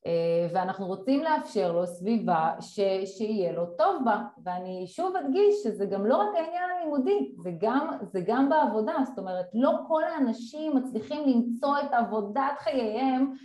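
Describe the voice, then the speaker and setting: A woman speaking as a guest expert in a conversation, explaining things in a measured way with frequent fillers. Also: fairly high pitch, expressive, mellow. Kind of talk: casual conversation. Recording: roomy echo.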